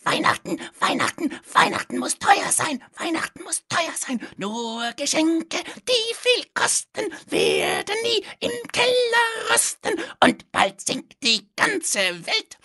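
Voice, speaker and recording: Ein schriller, theatralischer kleiner Kerl, der in hoher, heller Stimme empört schimpft und spöttisch singt. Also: male voice, pushed and bright, full character voice. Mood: mocking song. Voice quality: shrill, singsong. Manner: indignant, mocking, sings and drawls in a falsetto. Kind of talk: audiobook character voice.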